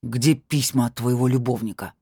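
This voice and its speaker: A man's voice: mid-range voice, fairly even intonation, moderate pace, darkish tone, breathy edge, no room sound, studio quality. A woman voicing a furious, bullying middle-aged husband who barks and growls his demands in an audiobook. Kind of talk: audiobook character voice.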